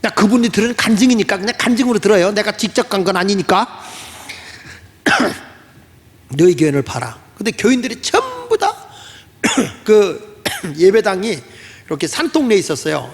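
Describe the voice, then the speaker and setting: High gravelly pastor in a reverberant hall. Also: male voice. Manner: animated, acts out quoted voices. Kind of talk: storytelling sermon.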